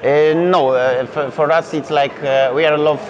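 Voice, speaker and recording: A young Polish brewery founder, a native Polish speaker from Poland, answers festival interview questions in accented English full of fillers and restarts. His voice is fairly high, with a steady tone and a measured pace. Captured on a lapel mic in an indoor beer festival hall, the sound is dull and lo-fi, with crowd chatter behind him.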